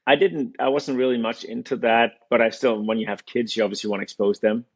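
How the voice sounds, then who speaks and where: A middle-aged man from Denmark, a native Danish speaker, talking in a relaxed, thoughtful way as a guest in an interview. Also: mid-range voice, fast, dull audio. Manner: relaxed, thoughtful, frequent fillers. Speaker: guest, company founder. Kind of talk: casual interview conversation.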